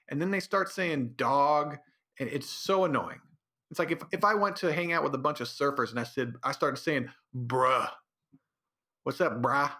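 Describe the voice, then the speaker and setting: On his own podcast, a male host delivers a rambling, sarcastic comic rant, now and then putting on mocking voices. His voice runs on the high side, with vocal fry and a sharp tone.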